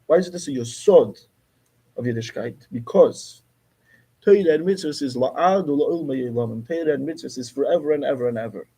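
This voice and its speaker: A man's voice: mid-range voice, moderate pace, warm tone, slightly rough. A man teaching a class, explaining emphatically and repeating his key points. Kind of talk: Torah class lecture.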